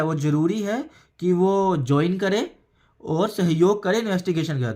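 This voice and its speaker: A man teaching English from a newspaper, reading English phrases slowly with an Indian accent and explaining each word in turn. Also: fairly high pitch.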